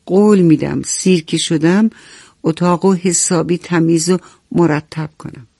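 A woman's voice: lowish voice, fairly even intonation, creaky, dark tone, no room sound, clean studio sound. A woman voicing a hungry, sheepish little boy in a bedtime storybook, with a pleading, childlike manner. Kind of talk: storybook narration.

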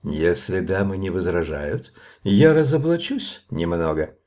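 A man's voice: sits low, very animated, a little slow, a little mellow. A man doing a sing-song flirty party guy. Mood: teasing. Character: playful lecherous tipsy man at a party.

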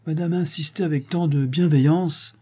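A man reading the part of a kindly, gentle, modest bookseller husband in a storybook reading. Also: fairly high pitch, steady tone, normal speed, breathy edge, voice pushed up.

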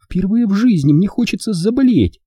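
A man doing a shrill furious young woman. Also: lively intonation, normal speed, warm tone, husky, no echo, studio quality. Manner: shrill, indignant outbursts. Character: fiery sarcastic young woman, quick to fury.

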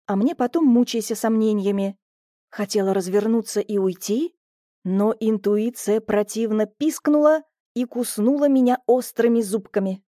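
A woman narrating a first-person audiobook in a lively, mocking manner. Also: mid-range voice, no echo, clean studio sound.

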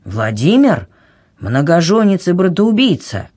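A woman's voice: lowish voice, big pitch swings, a little slow, a little mellow. Woman doing an irritable pompous king. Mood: angry. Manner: angry, offended exclamations. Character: irritable older male king, pompous and touchy.

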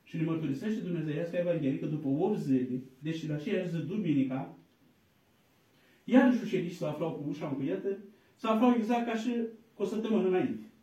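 A man, an Orthodox priest, preaching a sermon, moving from quiet asides to loud, emphatic exhortation and intoning scripture slowly, as if chanting. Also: a little high, expressive. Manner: slow, chant-like reading of scripture quotes. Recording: echoey room, distant mic.

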